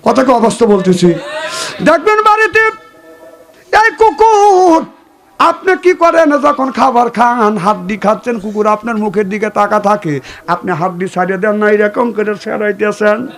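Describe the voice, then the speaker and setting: A man from Bangladesh preaching a waz sermon, telling a story in a sing-song style with sudden high exclamations and calls for the crowd to respond. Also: normal speed, fairly bright tone.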